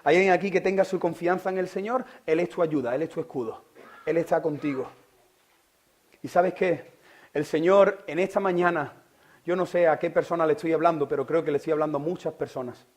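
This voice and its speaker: A man from Spain preaching a sermon, asking the listeners direct questions and swinging from loud preaching to hushed whispers. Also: a little high, brisk. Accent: Spain Spanish. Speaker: pastor.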